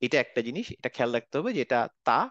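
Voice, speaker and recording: A man's voice: medium pitch, sing-song, very fast, fairly bright tone, no echo, muffled recording. A man teaching Quran letter pronunciation in an online class, patiently saying each sound over and over. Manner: patient, demonstrates sounds by repeating them.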